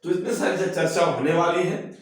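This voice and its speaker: A man teaching a recorded chemistry lecture, slightly hoarse from a cold, explaining slowly and repeating himself. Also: sits high. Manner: slow, repetitive explaining, mixing English terms. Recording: very echoey, far-off mic.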